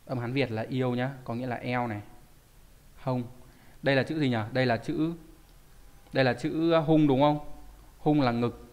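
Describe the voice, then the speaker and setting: A man's voice: mid-range voice, fairly even intonation, normal speed, pauses often, darkish tone. A man teaching a live online language class, reading out student answers and asking the class frequent rhetorical questions. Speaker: Japanese teacher. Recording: long hall reverb.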